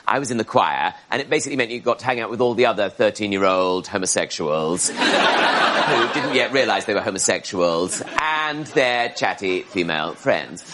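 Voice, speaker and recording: A man with an English accent telling a stand-up story in a wry manner, often leaping into high mimicked voices. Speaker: stand-up comedian. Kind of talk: stand-up routine. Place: television studio stage. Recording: TV studio with audience laughter and noise.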